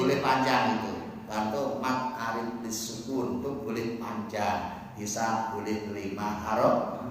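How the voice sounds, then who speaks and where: A man giving an informal religious lesson, unhurried, breaking into chanted recitations as examples. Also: medium pitch, fairly bright tone, recorded from a distance, slight background noise. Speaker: religious teacher. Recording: echoey hall from afar.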